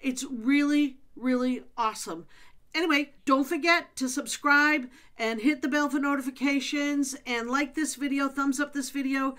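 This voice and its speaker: A woman's voice: high voice, fairly even intonation, moderate pace, a bit bright. A middle-aged woman hosting a spirit box session in a casual, direct, questioning way. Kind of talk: casual vlog intro and slow questioning of a spirit.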